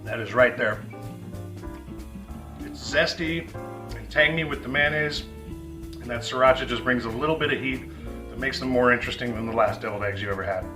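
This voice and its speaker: A man's voice: medium pitch, normal speed, pauses often. A man hosting a cooking show, talking in a folksy, joking way. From American South. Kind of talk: casual cooking demonstration. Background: guitar music.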